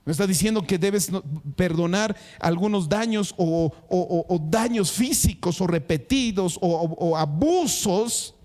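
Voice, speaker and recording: A man's voice: high-pitched, measured pace, darkish tone. A male pastor preaching a sermon who addresses the congregation directly and repeats words for emphasis.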